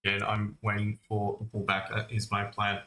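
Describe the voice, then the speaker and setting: At a moderate pace and with a completely flat delivery, a man with a fairly low, pushed, bright voice runs a live trading stream. His market talk is casual and directed at viewers he treats as mates, calling them "mate" and "guys," and he's recovering from a cough and lost voice. The recording is echoey, with faint music.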